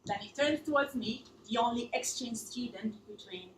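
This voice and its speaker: An Italian woman in her thirties, a language teacher, tells an earnest story in English to a live theatre audience, with an Italian accent and small non-native slips. Her voice is on the high side and moves at a normal speed. The distant mic picks up an echoey hall and slight background noise.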